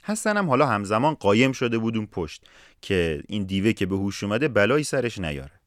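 A man's voice: lowish voice, big pitch swings, no room sound, clean studio sound. A man narrating a folk tale in a casual, colloquial podcast style, with asides to the listener. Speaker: storyteller and podcast host. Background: faint music.

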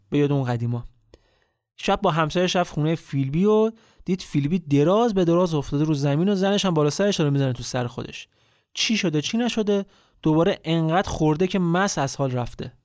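A man's voice: a little high, a little mellow, dry recording, studio quality. A man telling a true spy story in a casual, colloquial way, speaking straight to the listener.

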